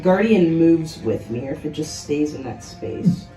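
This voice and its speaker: A woman playing a tabletop game, unhurried, laughing often and describing her actions loosely. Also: sits low, animated, warm tone, roomy sound, distant mic, soft background music, poor audio. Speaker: player.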